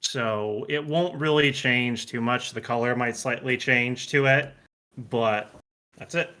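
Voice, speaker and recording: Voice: mid-range voice, slow pace, pushed and bright. A player in a tabletop game, explaining plainly and matter-of-factly. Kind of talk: casual tabletop game play.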